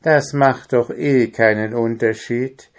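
A man's voice: mid-range voice, steady tone, takes it slowly, natural voice. A man voicing a grumbling, matter-of-fact owl in a storybook reading. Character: grumbling know-it-all owl.

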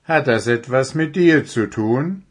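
A man's voice: medium pitch, expressive, measured pace, slightly rough, pitched above the performer's own voice. A man voicing a friendly, busy male gnome in a read-aloud children's story, teasing and good-humoured.

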